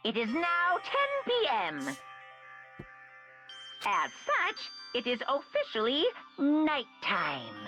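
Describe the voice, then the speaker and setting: Woman doing a robot teddy bear headmaster, high voice, swooping wildly, slow and drawn out, dull lo-fi sound. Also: pushed and bright, full character voice. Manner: sing-song, drawn-out announcer delivery. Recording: dull lo-fi sound with game music. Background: game music.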